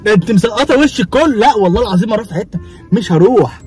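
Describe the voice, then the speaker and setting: A man's voice: sits high, lively intonation, rapid-fire, darkish tone, breathy edge, soft background music. A young man with an Egyptian accent, bantering and teasing his wife in a car, swearing oaths and laughing. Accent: Egyptian Arabic. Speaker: vlogger, husband. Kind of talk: prank vlog banter. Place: inside a car.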